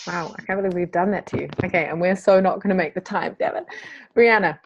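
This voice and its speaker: A woman's voice: fairly low pitch, quick pace, dull audio, a little hiss or hum. Upbeat New Zealand woman leading a call. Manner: informal, upbeat, calls on people by name. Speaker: course facilitator. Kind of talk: casual online class call. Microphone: video call.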